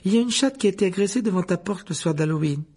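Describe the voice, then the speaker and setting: A man voicing a clever, earnest schoolgirl with a quick, slightly prim manner. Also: sits high, expressive, a little mellow, breathy edge, voice pushed up.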